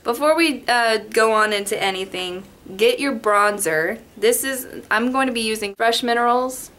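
A little high and fairly bright in tone, this young woman's voice moves at normal speed. She's a chatty, rambling beauty vlogger from Las Vegas, narrating a makeup tutorial to the webcam in front of her from her bedroom.

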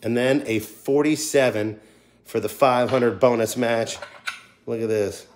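At a wooden table indoors, a middle-aged streamer scratches lottery tickets and chats casually with viewers. His mid-range voice is steady and a little mellow, and his pace is measured. A slight hiss or hum runs under the audio.

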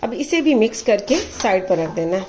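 A woman, hosting a cooking show, calmly talking through a recipe step by step. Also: mid-range voice, fairly quick, slight background noise, poor audio. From Pakistan. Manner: calm, methodical, checks in with "ठीक है". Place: home kitchen. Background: frying and stirring sounds.

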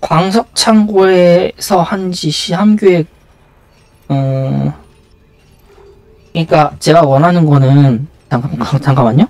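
A man's voice: fairly high pitch, slow pace, pauses often, darkish tone, low-quality recording. A man giving casual live video game commentary, muttering and thinking aloud to himself as he plays.

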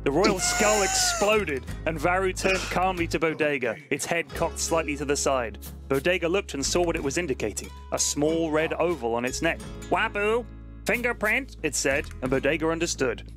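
A man's voice: on the high side, normal speed, hardly any pauses, a bit bright. Man narrating a comedy story over music. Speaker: podcast host and storyteller. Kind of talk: comedy story reading and podcast chat.

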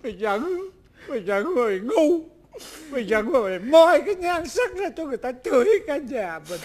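A man's voice: extremely high pitch, sing-song, moderate pace, a little mellow. An older man in a comedy skit, scolding and bickering in an exaggerated way. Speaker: comedy sketch performer.

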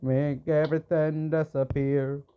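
A man's voice: a little high, little pitch movement, unhurried, clean tone, narrow, tinny audio. A man giving let's play commentary, rambling and pleading with the game character as he plays. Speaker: gamer.

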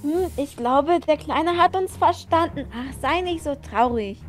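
Woman, high voice, Minecraft role-play, gentle, motherly. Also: a little slow. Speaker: role-player as the mother dragon.

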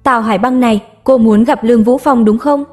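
A woman voicing a smug young woman star who mocks her rival in an unhurried, smiling way. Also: fairly high pitch, fairly even intonation, a little mellow, faint music behind, lightly acted. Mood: mocking.

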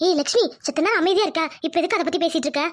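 A caring cartoon mother, voiced by a woman, gentle but firm as she calms her family. The voice sits very high and moves quickly. It is recorded dry and close. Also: no room sound. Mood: soothing. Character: worried caring middle-aged mother, soothing. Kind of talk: cartoon dubbing.

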